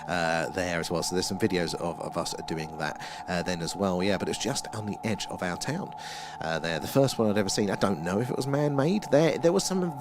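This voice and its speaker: Against a noisy background, a low-voiced man with an Essex accent runs a casual livestream from a small room in his home. He wanders from topic to topic and makes jokes at his own expense while answering viewers.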